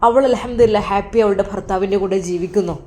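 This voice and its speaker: A woman's voice: mid-range voice, fast talker, mellow, natural voice. A woman voicing a devoted young man. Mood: reassuring. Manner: reassuring, earnest. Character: young man, devoted and guilt-ridden son-in-law.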